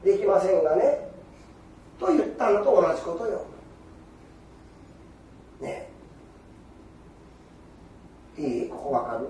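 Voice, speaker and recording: A man's voice: sits high, slow, long pauses, slight background noise. Older man w/ preaching a buddhist sermon, acts out the dialogue, recorded from far off in a big echoey hall. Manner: animated storytelling, acting out quoted exchanges.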